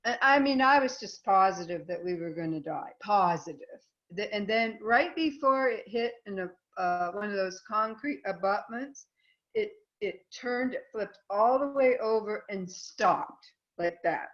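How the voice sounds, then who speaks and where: A woman guest in a conversational interview, telling a personal story in an animated way. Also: mid-range voice, a little slow, dull audio. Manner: animated storyteller, voice jumps up for quoted outrage. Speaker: guest, co-author.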